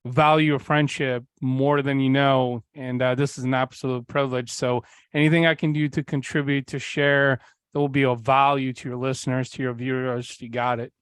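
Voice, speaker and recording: A Bulgarian-born man in his forties tells his story as a podcast guest, candid and rambling, full of fillers and the odd swear word. His medium-pitched voice barely moves in pitch, flowing smoothly at a moderate pace with no echo.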